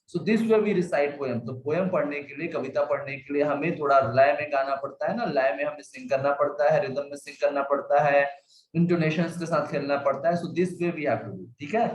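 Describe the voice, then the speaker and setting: A man with an Indian English accent teaching a bilingual lesson. He recites poem lines slowly in a sing-song way and explains them quickly in Hindi. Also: fairly high pitch, reverberant, a little hiss or hum, low-quality recording.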